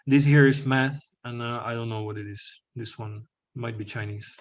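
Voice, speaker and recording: A man's voice: medium pitch, fairly even intonation, normal speed. A young man presenting slides to an audience, explaining at length with frequent fillers and "all right?" check-ins.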